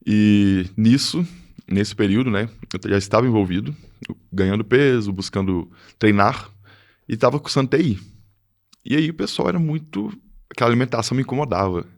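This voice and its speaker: A man, speaking as a podcast guest. His voice sits fairly low, and he talks in a halting way, full of fillers and restarted phrases. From Minas Gerais, Brazil. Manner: hesitant, many fillers and restarts. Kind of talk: casual interview chat.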